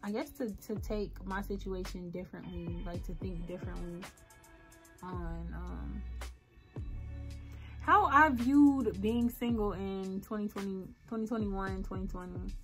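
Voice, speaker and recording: A woman's voice: medium pitch, a little slow, fairly bright tone, soft background music. Chatty young woman vlogging. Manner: chatty, rambling, frequent ums and likes. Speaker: beauty vlogger. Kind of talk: casual get-ready-with-me chat.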